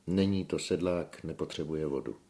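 A man reading the lines of a shy young shepherd girl in a hushed voice. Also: extremely low pitch, creaky.

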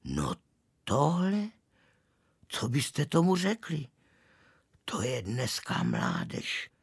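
A man voicing an irritable middle-aged ticket-taker at a cinema, who shouts indignantly in a shrill voice. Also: wildly swooping pitch, vocal fry, breathy edge, no echo, clean studio sound, full character voice. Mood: flabbergasted. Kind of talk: audiobook reading.

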